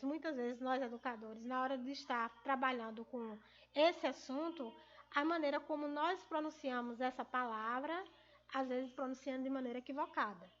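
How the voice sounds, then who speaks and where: A woman teaching in a video lesson, explaining patiently and pausing often to check that her students follow. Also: high-pitched, a bit bright, dull audio. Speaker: Portuguese teacher.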